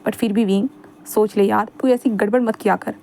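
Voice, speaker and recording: A woman's voice: medium pitch, fairly even intonation, moderate pace, creaky, dark tone, natural voice. A woman voicing a casual young man who cautions his friend in a read-aloud fan fiction story. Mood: worried. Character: worried young male best friend.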